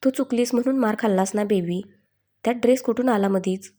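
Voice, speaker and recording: A woman narrator voices a young woman who coaxes her friend with affection. The tone is mellow and warm. She sounds playful and fond. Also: on the high side, a little fast, natural voice. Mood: coaxing. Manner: coaxing, playful.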